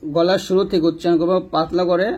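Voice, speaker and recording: A man teaching Quran reading, explaining tongue placement and then slowly drawing out each letter sound for the learner to copy. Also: high voice, flat delivery, a little mellow, breathy edge. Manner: slow, drawn-out syllable demonstrations between brisk explanations; repeats letter sounds patiently, addressing the learner directly. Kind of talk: step-by-step pronunciation lesson.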